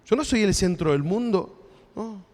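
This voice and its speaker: A man's voice: sits high, expressive, a little slow, big-room sound. A man with an Argentine accent preaching a sermon as pastor, in a conversational way with frequent tag questions. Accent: Argentine Spanish.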